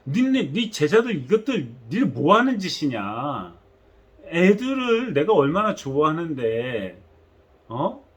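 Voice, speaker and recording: A man voicing an angry male teacher who sternly rebukes his followers, with a husky, lively voice. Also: on the high side, takes it slowly, heavily acted. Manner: stern, rebuking, rising to sharp outbursts.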